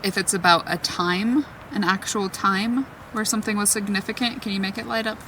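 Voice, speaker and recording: A woman's voice: medium pitch, steady tone, fairly quick, a bit bright. Chatty woman, distant noisy outdoor recording. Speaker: paranormal investigator. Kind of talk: casual vlog, questioning spirits aloud. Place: outdoors in a forest at night. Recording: distant mic, clearly noisy outdoor ambience.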